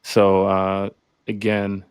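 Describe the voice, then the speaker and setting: Low-voiced man leading a casual chat. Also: monotone, very slow, clear, resonant tone, no echo. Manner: rambling, jokey, leads the rundown. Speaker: podcast host. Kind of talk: casual fantasy football chat.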